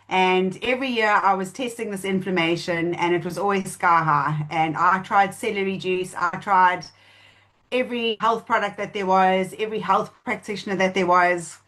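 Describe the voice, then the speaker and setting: A woman shares her own story in a long, flowing account. She sounds earnest and moved, speaking at a middling pitch in an ordinary, natural voice. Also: fairly bright tone. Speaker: testimonial speaker. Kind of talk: personal testimony at an online presentation.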